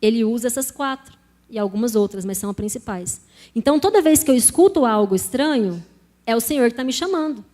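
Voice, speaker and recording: A woman's voice: fairly high pitch, lively intonation, fast talker, mellow. A Brazilian woman preaching in Portuguese to a congregation, telling her own testimony in a conversational way and speaking to them directly. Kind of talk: sermon with personal testimony.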